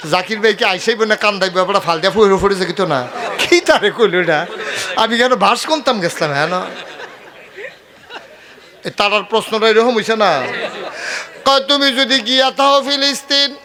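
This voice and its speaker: Man, storytelling sermon, fairly high voice, surges from soft to loud. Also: expressive, moderate pace, pauses often, a faint crowd. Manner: storytelling with acted dialogue, swinging from quiet to loud rising cries. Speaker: preacher. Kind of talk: Bengali waz sermon.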